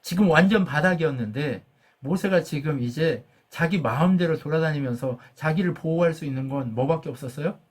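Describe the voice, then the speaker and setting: Man preaching a sermon, fairly high voice, questions to the congregation, rising emphasis. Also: a little fast. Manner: asks the congregation questions and answers them himself; acts out God's words with rising pitch and force. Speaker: pastor.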